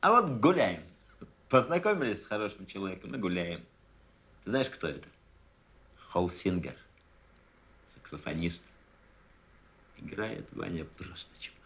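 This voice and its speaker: An actor playing an exuberant tipsy musician in a film drama, chummy and boastful, talking in short repeated bursts. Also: male voice, low-pitched, very animated, measured pace, long pauses, a bit bright, heavily acted. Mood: proud. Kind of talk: film acting.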